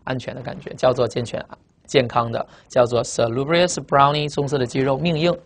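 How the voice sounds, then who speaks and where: Fast-talking male vocabulary teacher. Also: mid-range voice, little pitch movement. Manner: repeats words, explains with memory tricks, frequent filler "啊". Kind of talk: recorded vocabulary lesson.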